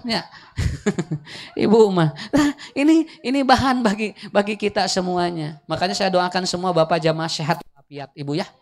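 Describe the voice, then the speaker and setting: A man with a Sundanese accent preaching a humorous Islamic sermon, swinging between loud, high emphasis and quiet asides, often chuckling.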